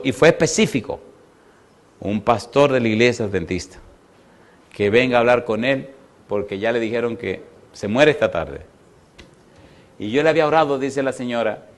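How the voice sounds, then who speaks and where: A man's voice: mid-range voice, normal speed. A man, a pastor, preaching a sermon with repeated phrases, rhetorical questions to the congregation and a story told with voiced dialogue.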